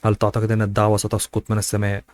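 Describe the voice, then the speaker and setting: A man's voice: on the low side, monotone, very fast, a little mellow, close to an everyday voice. A man voicing a determined young wife in a novel he reads aloud, in an earnest, reproachful manner. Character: determined young wife Zeina, proud and pressured.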